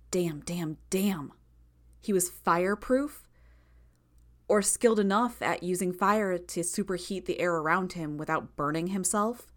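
A woman with a notably low-pitched voice narrates a first-person audiobook. Her delivery is steady and measured, with tense asides as the story moves along.

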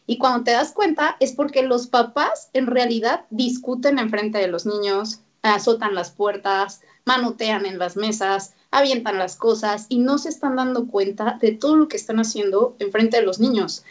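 A high-voiced woman, speaking as a therapist guest on a radio show. She talks animatedly and acts out the voices of parents and children. The radio audio sounds dull and lo-fi. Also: moderate pace, hardly any pauses. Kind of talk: radio interview.

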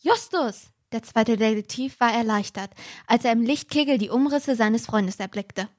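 A woman podcast host narrating a detective story aloud in a brisk, animated way. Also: fairly high pitch.

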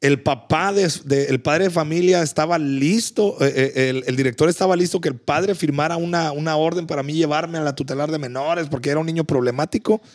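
A man's voice: a little high, brisk, hardly any pauses. A man, a pastor, talking in a casual faith conversation, telling his story with earnest feeling and stumbling over repeated words.

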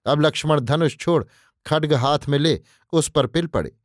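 A man's voice: on the high side, normal speed, no echo. A man narrating an audiobook in a vivid, declamatory storytelling style, close on the mic. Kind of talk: dramatic scripted narration.

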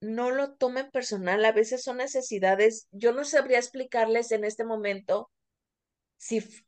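A woman's voice: mid-range voice, darkish tone. A middle-aged Mexican woman co-hosting a podcast, talking candidly and casually with plenty of fillers. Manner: candid, confessional, many fillers. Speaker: podcast co-host.

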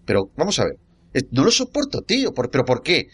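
A man tears into a movie on a casual podcast, his pitch leaping and dropping as he rants. He swears freely and slips into mocking voices to act out the scenes. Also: wildly swooping pitch, a little fast, breathy edge. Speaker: podcast co-host. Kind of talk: casual film debate.

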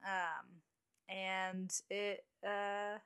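A woman's voice: medium pitch, little pitch movement, fairly bright tone, smooth. A woman in her late twenties, a guest on a podcast, chatting casually and restarting her sentences often. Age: 20s. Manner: chatty, halting with restarts and little laughs. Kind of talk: casual chat.

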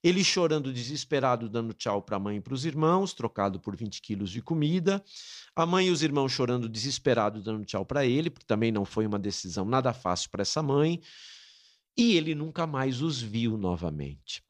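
A man's voice: medium pitch, expressive, a little fast. Middle-aged brazilian guy telling his family's story, earnest and emotional, voice swoops up and down a lot. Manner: earnest, emotional, dramatic retelling. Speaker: interview guest. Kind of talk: personal storytelling.

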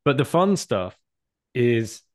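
A man's voice: mid-range voice, sing-song, takes it slowly. A man hosting a podcast, chatty and upbeat, stumbling over restarts as he asks questions. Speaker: podcast host. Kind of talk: casual interview chat.

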